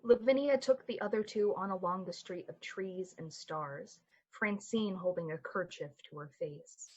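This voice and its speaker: Her voice sits fairly low, darkish in tone with a breathy edge, moving at normal speed as she tells a suspenseful summer-night story styled after a 1940s radio play. The mood is one of measured suspense. Music plays under a slightly muffled recording.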